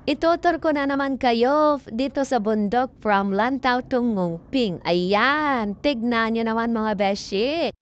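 A woman's voice: fairly high pitch, slow, lo-fi sound. A woman chatting playfully to her viewers while hiking on a mountain peak, filming with a handheld phone. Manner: bubbly, playful, addresses viewers as friends. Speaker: vlogger.

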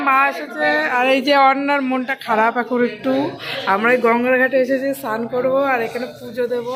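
A woman casually narrating a family vlog to her viewers, chatty and pointing things out as she films. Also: on the high side. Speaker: family vlogger. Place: outdoors and in a small local salon. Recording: noisy street and outdoor sound.

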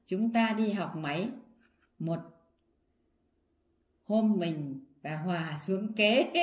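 A woman's voice: lowish voice, darkish tone. A woman, reading her old poems aloud in a casual vlog and often breaking into laughter. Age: 60s. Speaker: vlogger.

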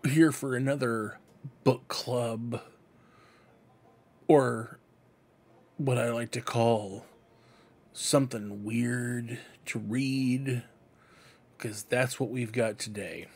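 A middle-aged man speaks extremely slowly, pausing often, in a steady, mid-range voice with a darkish tone. As host of a fan book club vlog, he gives rambling, casual show-and-tell commentary into a close desk microphone in his cluttered room at home.

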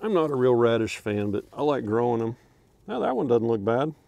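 Speaking from behind a handheld camera, an older man gives a walkthrough of his homestead garden outdoors. He has a mid-range, darkish voice with vocal fry and a brisk, sing-song delivery. The talk is relaxed and meandering, peppered with fillers and chuckles.

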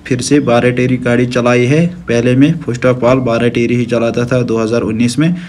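एक जवान कश्मीरी लहजे वाला आदमी, जो फ़ोन हाथ में लेकर दर्शकों को अपना ट्रक दिखाता और समझाता है।. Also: male voice, mid-range voice, little pitch movement, normal speed, a little mellow. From Kashmir. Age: young adult. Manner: friendly, shows things off to viewers. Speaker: trucker vlogger. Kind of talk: casual vlog walkthrough. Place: outdoors beside parked trucks and in the cab. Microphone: phone camera at arm's length.

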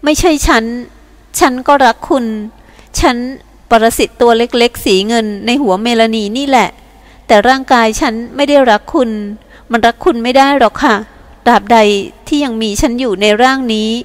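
A woman voicing a gentle alien soul living in a woman's body, speaking in soft sobbing pleas in an audiobook. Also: fairly high pitch, normal speed, long reverb tail, natural voice. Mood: tearful pleading.

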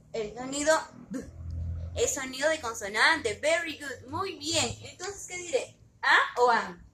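A high, very lively woman teaching young children, patient and unhurried, asking questions and repeating each word. She sounds like she is in a roomy, echoey space with faint background noise. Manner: slow, patient, asks questions and repeats words. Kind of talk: bilingual lesson for young children.

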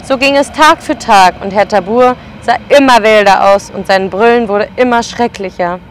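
A woman preschool educator reading a picture book aloud to children and pausing to explain the pictures. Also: mid-range voice, a little hiss or hum.

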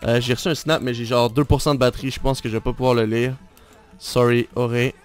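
A man's voice: mid-range voice, flat delivery, a little fast, clean tone. Québécois man hosting a live game stream. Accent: Québécois French. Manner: teasing, bantering, talks straight to viewers. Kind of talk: casual live gameplay commentary.

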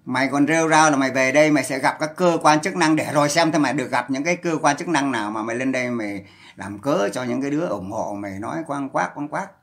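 A man delivers a heated, profane livestream rant. His scolding voice is gravelly with vocal fry and sits at an ordinary middle pitch. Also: fast, a bit bright.

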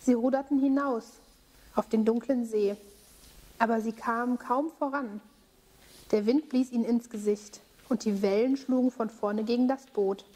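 A woman leading a children's church service, reading a story slowly, clearly and expressively. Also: fairly high pitch, steady tone, mellow.

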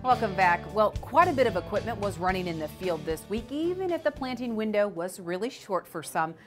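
A woman hosting a farm news show, reading scripted narration in a polished, measured reporter style. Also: medium pitch, lively intonation, a bit bright, faint music behind. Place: TV studio.

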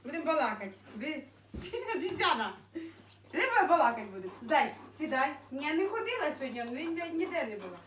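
A woman with a high voice talks to her dogs in a cooing, babying way, snapping out short commands in between. She is heard from some distance in a roomy, echoing space. Faint noise runs underneath. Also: very animated, fast talker. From Ukraine. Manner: cooing baby talk to dogs, with firm commands. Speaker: dog breeder. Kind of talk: casual talk to her dogs.

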